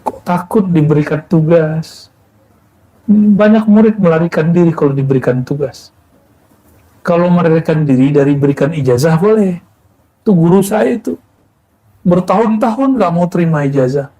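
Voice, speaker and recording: A man delivers a religious talk in an unhurried, conversational teaching style. His voice is mellow and warm, sitting a little high for a man. He poses questions to listeners and answers them himself. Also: poor audio. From Indonesia. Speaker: preacher. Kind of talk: sufi sermon.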